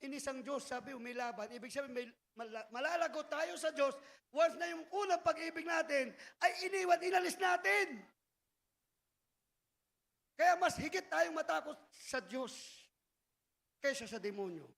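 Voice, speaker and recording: A male preacher delivering a fervent sermon, often bursting into shouted exclamations. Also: extremely high pitch, normal speed, gravelly.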